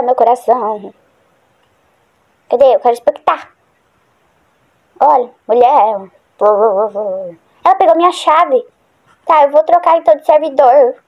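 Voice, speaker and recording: High-voiced chatty woman gaming. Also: darkish tone. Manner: chatty, easily startled, rambling. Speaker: gaming channel host. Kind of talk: casual gameplay commentary.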